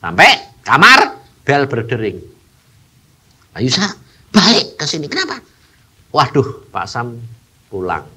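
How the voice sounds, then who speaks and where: Animated man preaching. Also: mid-range voice, takes it slowly, long pauses, breathy edge. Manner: animated, swinging between hushed and loud, acting out voices in his story. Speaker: evangelist preacher. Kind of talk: sermon with personal storytelling.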